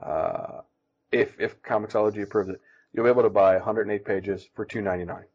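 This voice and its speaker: A man co-hosting a casual podcast, talking in halting, self-deprecating stops and restarts. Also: on the low side, fairly even intonation, a little mellow. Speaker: podcast co-host and comic artist. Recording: dull lo-fi sound.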